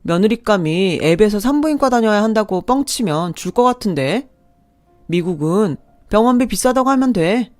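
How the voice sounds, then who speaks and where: A woman's voice: mid-range voice, animated, moderate pace, a little mellow, no echo, soft background music, lightly acted. Woman playing a mocking scheming son. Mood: contemptuous. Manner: contemptuous, mocking.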